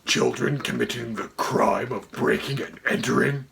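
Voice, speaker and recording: A man doing Quill, a gravelly whispering dragon. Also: mid-range voice, moderate pace, fairly bright tone. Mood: deadpan. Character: ancient, haughty dragon, deep and gravelly. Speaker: co-host. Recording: music playing under the voice.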